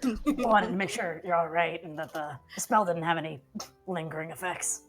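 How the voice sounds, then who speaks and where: A woman's voice: fairly low pitch, normal speed, faint music behind, natural voice. Woman as a hesitant, caring adventurer. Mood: concerned. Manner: hesitant, trailing off mid-sentence.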